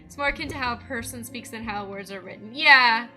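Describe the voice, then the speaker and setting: A woman's voice: a little high, fairly quick, pushed and bright. A woman with a Canadian accent chatting casually on a gameplay livestream, thinking aloud and laughing often. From West Coast of Canada. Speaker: streamer. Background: game music.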